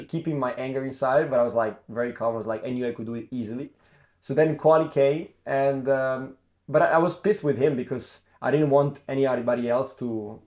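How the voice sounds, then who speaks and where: Young adult male, ex-racer vlogging; casual, animated storytelling with frequent self-corrections. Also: medium pitch. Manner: lively anecdote-telling, acts out quoted dialogue. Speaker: former racing driver and karting coach.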